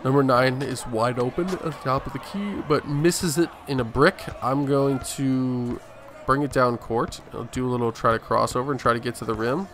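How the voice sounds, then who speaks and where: A man hosts a gaming video, giving casual play-by-play of a basketball game in a conversational present tense. His mid-range voice is a bit bright at normal speed, with game sounds coming through clearly behind him.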